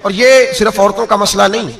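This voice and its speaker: Impassioned male preacher, high pitch, storytelling sermon. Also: steady tone, a little fast, vocal fry, a bit bright, distant mic. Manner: impassioned, rising to cries.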